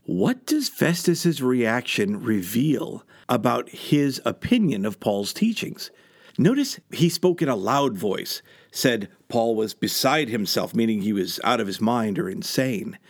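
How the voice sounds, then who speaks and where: A man's voice: mid-range voice, big pitch swings, unhurried. A man teaching a scripture lesson in an earnest way, asking reflective questions and explaining the passages.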